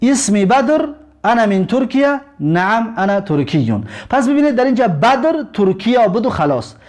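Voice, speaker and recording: A man with a Tajik accent teaching a recorded language lesson, explaining words slowly, repeating them and translating each one. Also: very high-pitched, sing-song, a little mellow.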